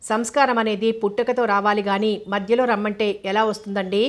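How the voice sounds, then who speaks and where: A woman's voice: medium pitch, a little fast, natural voice. A woman reading the lines of a frank, cheerful young woman student in an audiobook novel. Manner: frank, lively chatter.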